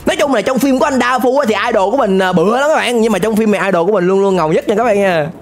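A man gives excited reaction commentary, often shouting and dropping English exclamations. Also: high voice, rapid-fire, a little hiss or hum. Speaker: YouTuber reacting to an animated series.

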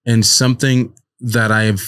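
A man hosting a podcast in casual chat, talking haltingly with many restarts. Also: medium pitch, flat delivery, a bit bright. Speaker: podcast host.

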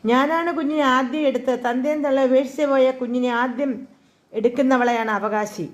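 A possessive village woman in her thirties from a folk tale, played by a woman narrator. She talks in an insistent, demanding way. Her voice is on the higher side. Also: fairly even intonation, moderate pace, close to an everyday voice.

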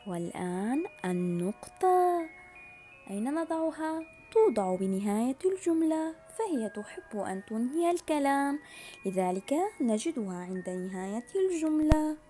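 High-voiced woman teacher, dictating to children. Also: darkish tone. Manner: addresses pupils with praise and prompting questions. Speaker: primary school Arabic teacher. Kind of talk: scripted lesson narration for children. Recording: music behind the voice.

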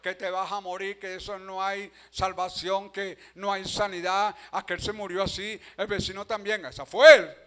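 A Venezuelan man preaches a Spanish-language sermon from a church pulpit. His voice sits high for a man and rings bright and forceful. He drops into quiet storytelling, then rises to shouted exhortations to the congregation. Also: level tone, moderate pace, hardly any pauses. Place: church sanctuary.

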